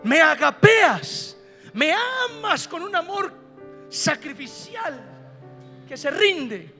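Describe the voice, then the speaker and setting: A man voicing a patient, gentle teacher who asks his disciple a question over and over. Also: extremely high pitch, big pitch swings, takes it slowly, long reverb tail, faint music behind, voice pushed up, exaggerated voice. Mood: insistent.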